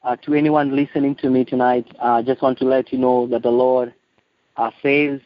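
A man in his late thirties with a Kenyan accent, giving a personal testimony in a halting, earnest way. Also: medium pitch, flat delivery. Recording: muffled, echoey lo-fi phone call.

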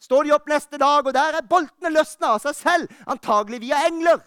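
A man preaching a fervent sermon, rising to urgent calls and then dropping to quiet, personal talk. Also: extremely high pitch, no echo, clean studio sound. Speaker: pastor. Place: church.

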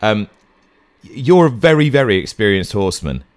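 Deep-voiced male presenter, dry sound. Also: very animated, moderate pace, dry recording. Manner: clear, scripted link delivery. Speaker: racing presenter and interviewer. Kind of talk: broadcast presenting.

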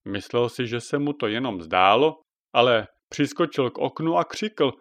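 A father spinning a fairy tale for his child, his mid-range voice rising and falling with animated expression. The recording is dry and close, with no room sound. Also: mid-range voice, no room sound. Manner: lively, expressive. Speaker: father telling a bedtime story. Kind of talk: storytelling narration.

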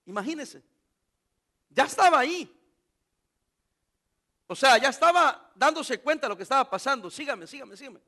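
Pastor guy preaching, really high bright voice, lots of questions to the church. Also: moderate pace, long pauses. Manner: preaching with rhetorical questions to the congregation; animated, acts out quoted voices. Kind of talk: sermon.

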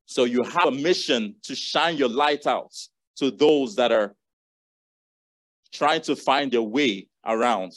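A man's voice: medium pitch, slow, fairly bright tone. Guy preaching at church, earnest, reads out verses, dry sound no echo. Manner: earnest preaching, reading and repeating scripture verses. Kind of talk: sermon.

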